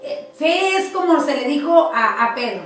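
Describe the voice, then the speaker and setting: A woman in a church talk, telling testimonies with animated storytelling and repeating words for emphasis. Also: high-pitched, moderate pace. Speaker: church speaker. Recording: echoey room, distant mic, soft music.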